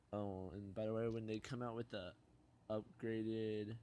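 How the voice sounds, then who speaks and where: A man's voice: lowish voice, dark tone, slight background noise. A young man hosting a gaming channel, opening card packs in casual commentary and muttering dejected complaints about his pulls.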